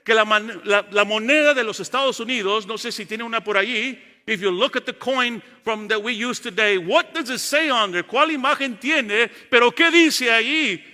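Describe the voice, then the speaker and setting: A man preaching a bilingual sermon in a church sanctuary. He switches between Spanish and English and delivers slow, emphatic lists. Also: very high voice, bright, forceful tone. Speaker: pastor. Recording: long church-hall reverb.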